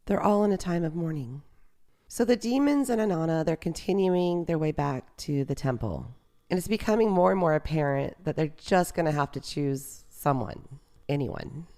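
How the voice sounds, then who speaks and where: Low-voiced woman retelling a myth. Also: animated, moderate pace. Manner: reflective, gentle retelling with asides. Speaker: podcast host and storyteller. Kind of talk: conversational myth storytelling.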